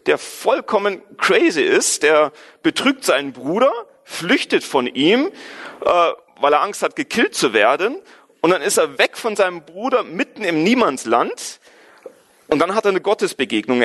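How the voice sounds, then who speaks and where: A man's voice: fairly high pitch, fairly bright tone. A man from Germany giving an earnest, emphatic sermon, reading scripture aloud and stressing points by repetition. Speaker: preacher.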